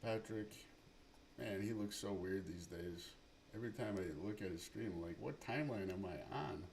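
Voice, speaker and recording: A man's voice: fairly low pitch, normal speed, creaky, a little mellow, slight background noise. A man giving profane, mumbling running commentary on his live trading stream. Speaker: livestream day trader.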